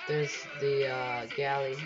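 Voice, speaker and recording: A man's voice: medium pitch, flat delivery, takes it slowly, muffled recording. Rambling man narrating over music. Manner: rambling, many fillers and restarts. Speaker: sailing vlogger narrating his boat work. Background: background music.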